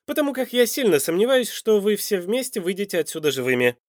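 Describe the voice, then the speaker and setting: A man's voice: high voice, sing-song, fast, no room sound, studio quality, voice pushed up. Mikhail, a man voicing a sneering crime-boss duke. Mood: gloating. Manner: sneering, loud, scornful. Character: cruel, lecherous middle-aged crime-boss duke.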